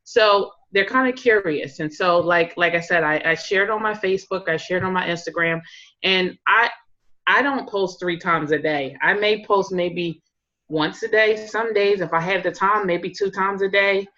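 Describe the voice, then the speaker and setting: A woman's voice: medium pitch, normal speed, sharp tone, lo-fi sound. A woman in direct sales casually sharing tips on a group call, rambling with lots of fillers.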